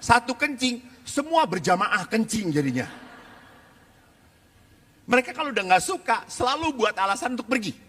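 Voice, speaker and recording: Animated preacher man in a reverberant hall. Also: very high-pitched, normal speed, pauses often, slightly rough. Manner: animated, acts out children's and mothers' voices. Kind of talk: lively sermon to a live audience. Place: large hall with an audience.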